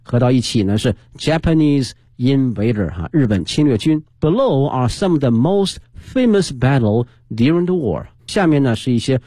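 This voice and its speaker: A man with a slightly husky voice teaches English vocabulary on the radio, explaining each word patiently and spelling it out letter by letter. His pitch moves about a lot, and the sound is dry and close, as in a small studio. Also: sing-song, normal speed, few pauses, warm tone, no room sound. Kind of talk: bilingual vocabulary lesson.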